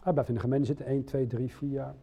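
A man's voice: medium pitch, flat delivery, fast talker, vocal fry, warm tone, husky. A middle-aged man preaching a sermon, speaking earnestly and putting direct questions to his listeners. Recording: dull lo-fi recording.

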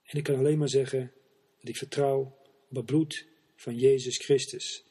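A man's voice: mid-range voice, steady tone, moderate pace, mellow, husky, lightly acted. A man voicing a poor male beggar who humbly confesses his failures and his faith, in a sermon parable. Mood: humble.

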